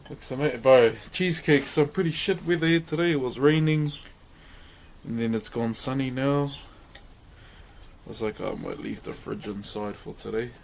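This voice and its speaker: A man's voice: mid-range voice, vocal fry. A man with a broad New Zealand accent chatting casually on a livestream in a laid-back, matey, slangy way. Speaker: livestream host.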